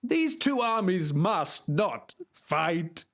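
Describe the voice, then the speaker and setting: A man's voice: high-pitched, big pitch swings, extremely slow, a bit bright, voice pushed up, heavily acted. A man voicing Don Quixote, a deluded, grandiose old knight, speaking in a formal, theatrical way. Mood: indignant. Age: older.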